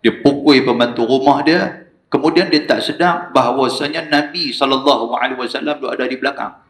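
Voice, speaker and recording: A religious lecturer with a northern Malaysian Malay accent gives an evening talk in a small prayer hall, and the recording is echoey. He tells stories animatedly and briskly, moving between low asides and raised exclamations.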